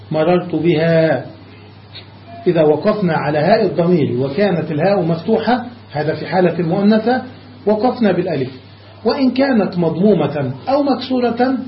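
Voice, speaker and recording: A man teaching a classical grammar lesson, explaining each rule step by step, checking that his students follow, and slowing down on examples. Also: sits high, slight background noise. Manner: slows down on examples. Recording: echoey lo-fi room recording.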